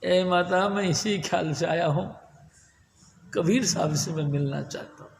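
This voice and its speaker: A man's voice: high-pitched, measured pace, gravelly, a little hiss or hum. A man playing a desperate, pleading young man. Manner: pleading, plaintive. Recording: echoey hall reverb.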